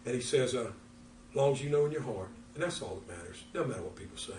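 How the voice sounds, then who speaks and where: Older pastor preaching in an echoey church. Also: male voice, mid-range voice, fast, a little hiss or hum. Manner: folksy, animated, acts out dialogue. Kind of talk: sermon. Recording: echoey church room from far off.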